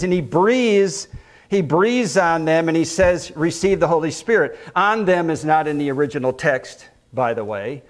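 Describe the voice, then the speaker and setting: A man preaching a conversational sermon, quoting scripture, repeating phrases for emphasis and asking the congregation questions. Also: high-pitched. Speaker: pastor teaching. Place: church.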